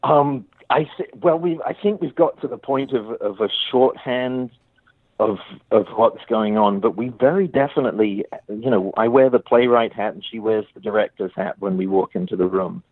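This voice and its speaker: A man's voice: fairly low pitch, normal speed, breathy edge, dry recording. A male playwright being interviewed, speaking thoughtfully with many restarts over a phone line. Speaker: playwright guest. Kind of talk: interview conversation.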